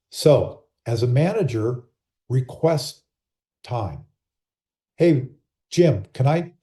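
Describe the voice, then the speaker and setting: A man who works as an umpire, calmly explaining game rules to coaches over a video call, sometimes acting out sample exchanges. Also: mid-range voice. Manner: calm, explanatory, acts out sample dialogue. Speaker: umpire and rules clinic presenter. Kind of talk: instructional talk on a video call. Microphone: computer or laptop mic on a video call.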